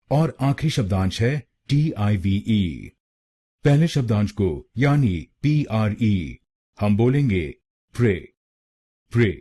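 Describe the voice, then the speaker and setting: Guy doing a slow pronunciation lesson, husky voice, repeats every syllable, lots of up and down in pitch. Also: dark tone. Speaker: pronunciation teacher. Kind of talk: scripted lesson.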